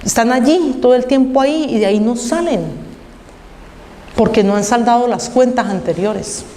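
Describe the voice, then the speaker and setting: A woman pastor preaching a sermon, reading scripture slowly and asking the congregation rhetorical questions. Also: fairly high pitch, dark tone, a little hiss or hum. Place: church hall. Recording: echoey church hall with long reverb.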